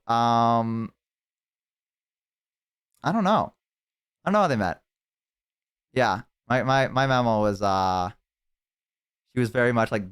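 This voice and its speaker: Young male streamer, mid-pitched, casual chatter to his audience, swears freely and does lively voices when telling stories. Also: clear, resonant tone. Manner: rambling, profane storytelling with animated impressions; talks to chat. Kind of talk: casual live-stream chat.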